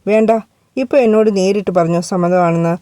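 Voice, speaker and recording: A frightened young woman pleads and pushes back in a storybook reading, voiced by a woman narrator. Her voice is mellow and smooth, and it sits close to the mic in a dry sound. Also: fairly low pitch, fairly even intonation, quick pace, no echo, natural voice. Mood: angry. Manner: pleading, raised voice.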